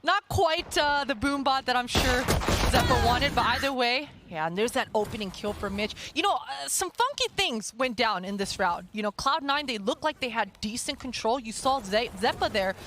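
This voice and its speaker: A man's voice: very high-pitched, animated, normal speed, bright, forceful tone, a little hiss or hum. A man giving live esports colour commentary and analysis, enthusiastic and emphatic, drawing out key words.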